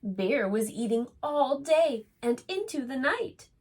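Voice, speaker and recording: Her voice high-pitched and slow, a woman hosting preschool storytime reads aloud to young children with lots of expression, often pausing to ask her listeners questions.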